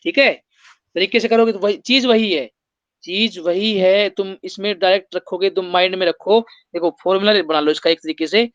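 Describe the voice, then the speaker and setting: A man's voice: high-pitched, moderate pace, fairly bright tone, no room sound, dull audio. A man teaching an exam-prep maths lesson, explaining step by step and putting rhetorical questions to his students.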